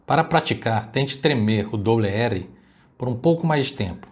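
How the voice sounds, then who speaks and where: A man's voice: mid-range voice, lively intonation. Portuguese-speaking man teaching Spanish pronunciation. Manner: slow, drawn-out model pronunciations of Spanish words. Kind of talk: recorded online language lesson.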